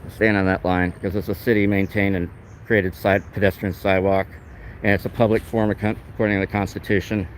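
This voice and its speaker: A man's voice: sits low, little pitch movement, fast, a little hiss or hum, rough recording. A man narrating live as he films police on a city sidewalk, his talk indignant and rambling, recorded on a handheld phone outdoors. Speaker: activist filming police. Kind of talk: live narration while filming. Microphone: handheld phone camera.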